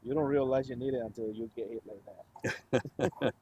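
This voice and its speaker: A man making brief, soft-spoken remarks as co-commentator at a live soccer match. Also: medium pitch, fairly even intonation, fairly quick, slightly rough. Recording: dull, noisy, distant mic.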